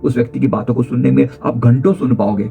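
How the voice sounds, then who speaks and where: A man as a life coach giving an emphatic motivational talk on communication skills. He repeats key phrases and swings his pitch and pace to show his point. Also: fairly even intonation, fast talker, vocal fry, mellow, faint music behind.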